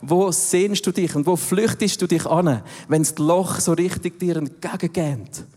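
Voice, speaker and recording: A man preaching with emphasis and asking his listeners direct questions. His voice sits fairly high, with a dark, mellow color. A long reverb of a large hall trails every phrase. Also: a little slow. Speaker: pastor. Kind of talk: sermon.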